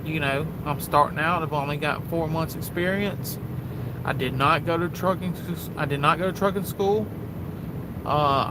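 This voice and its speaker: Folksy trucker with engine rumble. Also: male voice. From Houston, Texas. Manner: rambling, folksy, repeats himself. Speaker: truck driver vlogger. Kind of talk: casual vlog monologue.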